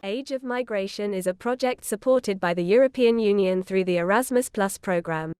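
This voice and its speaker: Clear, dry-voiced woman narrator. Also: mid-range voice, moderate pace, no echo. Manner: even, informative. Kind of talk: scripted narration.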